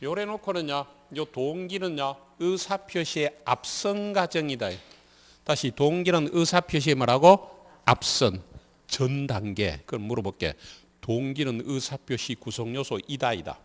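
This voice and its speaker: A male law instructor with a Gyeongsang Korean accent lectures in a mid-pitched voice. He keeps quizzing the class with the same questions again and again. Long reverb from the classroom trails behind his words. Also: unhurried. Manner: drills students with repeated quiz questions. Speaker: civil law instructor for a real estate licensing exam.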